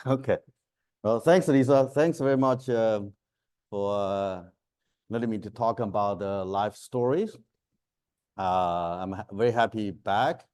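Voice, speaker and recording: A man's voice: lowish voice, a little slow, a little mellow, clean tone. A man in his fifties from China, giving a chatty university lecture in broken English on a clip-on mic and laughing often. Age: 50s. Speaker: professor. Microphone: clip-on lapel mic.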